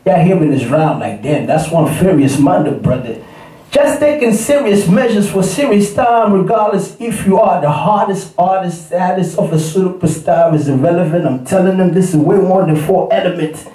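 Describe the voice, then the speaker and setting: A man's voice: high-pitched, moderate pace, warm tone. A man from Congo performing spoken-word rap in a rhythmic rhyming flow, chatting casually to the crowd between pieces. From Democratic Republic of Congo. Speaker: rapper. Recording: echoey room, far from the mic.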